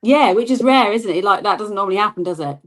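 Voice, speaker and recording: A woman's voice: medium pitch, lively intonation, fast, a little hiss or hum. A middle-aged woman chatting casually as a podcast guest, often ending on tag questions. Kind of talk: casual chat.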